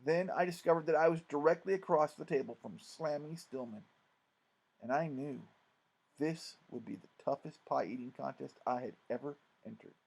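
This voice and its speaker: A man reading a storybook aloud, expressive, dropping to a hush and then rising loud. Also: medium pitch, gravelly, poor audio. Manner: expressive, swings between hushed and loud. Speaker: audiobook narrator. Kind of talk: scripted storybook narration.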